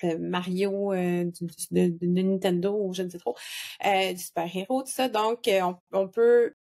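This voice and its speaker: A woman's voice: lowish voice, fairly even intonation, moderate pace, a little mellow. A woman with a Québécois French accent, a guest author talking in a casual panel chat, hesitant with many fillers and restarts. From Quebec.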